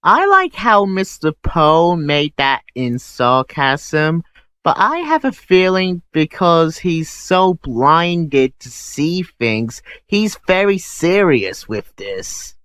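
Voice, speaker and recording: A man's voice: a little high, sing-song, fairly bright tone, clean tone, no echo. A man hosting a sarcastic commentary over clips, mocking what he sees. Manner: snarky, mocking, unhurried. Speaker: host.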